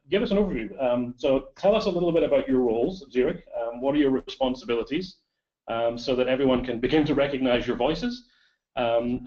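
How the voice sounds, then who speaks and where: Hoarse man hosting a webinar. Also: medium pitch, a little mellow. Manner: many fillers, hesitant. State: hoarse from a cold. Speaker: webinar host, marketing director. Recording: dull lo-fi webinar audio.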